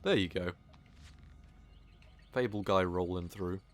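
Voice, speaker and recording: A man's voice: low-pitched, slow. A man giving rambling, casual live commentary while playing a video game, often poking fun at himself. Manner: casual, rambling, self-deprecating.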